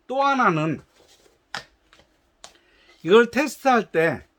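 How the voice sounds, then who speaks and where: Speaking slowly in a very high-pitched, animated, slightly bright voice, a shoe company man gives polite, formal instructions on testing his product. He's patient but keeps hesitating and restarting.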